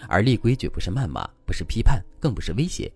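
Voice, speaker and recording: A man's voice: fairly low pitch, fast talker, vocal fry, breathy edge, dry recording. A man hosting a relationship advice program, narrating a listener's story in a scripted, dramatic manner. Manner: dramatic, lively storytelling, advising tone. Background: soft background music.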